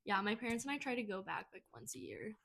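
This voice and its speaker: A woman's voice: medium pitch, animated, fast talker, creaky, fairly bright tone. A young woman in her twenties, born in Italy and raised in Georgia, a medical student chatting in a laid-back way, using "like" often. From Italy, raised in Georgia, USA. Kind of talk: casual chat.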